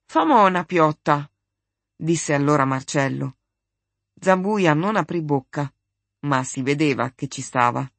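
Steady audiobook narrator, dry sound. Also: medium pitch, unhurried, creaky, no room sound. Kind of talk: literary narration.

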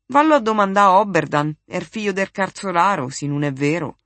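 A reader voicing Marcello, a brash young Roman street boy with a Roman accent, in an audiobook reading, talking in a cocky, quick, bantering way. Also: mid-range voice, animated, a bit bright, no echo, voice pushed up.

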